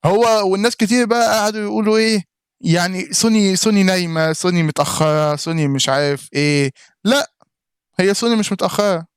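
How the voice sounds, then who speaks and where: A man's voice: high-pitched, steady tone, brisk, clear, resonant tone, no echo, clean studio sound. A man with an Egyptian Arabic accent giving casual reaction commentary on a gaming live stream, chatting straight to viewers in chat by name.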